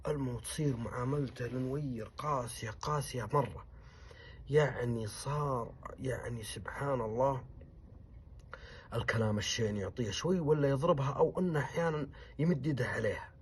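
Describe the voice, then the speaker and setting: A man, a poet telling a traditional story, acting out the characters with loud commands and low muttered asides. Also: a little fast, a little hiss or hum.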